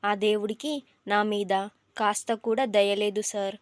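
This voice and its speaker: A woman with a mid-range, level, natural voice speaks a little slowly as a dramatic young female student in a storybook, whining and pleading tearfully in a melodramatic way. The recording is dry.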